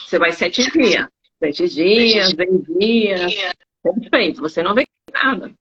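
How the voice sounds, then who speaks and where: With faint noise in the background and a dull, lo-fi recording, a woman who teaches Spanish and runs travel bookings recounts anecdotes in an interview. She's animated, putting on high voices to act out her students' lines.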